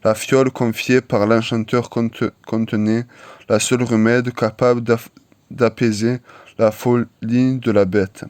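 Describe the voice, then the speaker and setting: Halting comic reader, slow and stumbling, middle pitch. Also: male voice, little pitch movement, darkish tone, dry recording. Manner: halting, stumbling over words with restarts. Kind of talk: reading a comic aloud.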